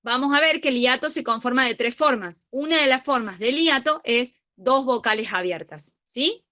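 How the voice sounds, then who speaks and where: Bright young woman tutoring grammar. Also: sits high, moderate pace. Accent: Rioplatense Spanish. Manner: patient, checks understanding with frequent "¿sí?". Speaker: study group tutor. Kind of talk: online grammar lesson.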